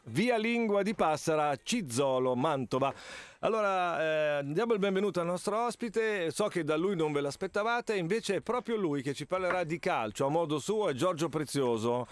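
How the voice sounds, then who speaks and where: A man's voice: fairly high pitch, expressive, normal speed, no echo. A middle-aged man hosting a live radio show in casual, teasing banter. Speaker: radio host. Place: radio studio. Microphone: close studio microphone with headphones.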